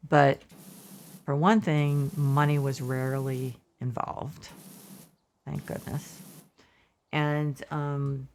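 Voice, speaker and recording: A woman's voice: rumbling low, fairly even intonation, takes it slowly, pauses often, a little mellow, slight background noise. A middle-aged woman streaming a game, telling a meandering, self-correcting story with asides about what she is playing. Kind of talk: casual storytelling while gaming.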